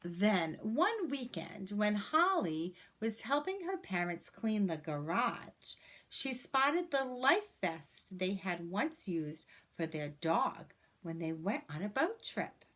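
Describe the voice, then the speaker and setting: A woman with a medium-pitched voice reads a children's story aloud, expressive and deliberate. As a storybook reader, she mixes in personal asides.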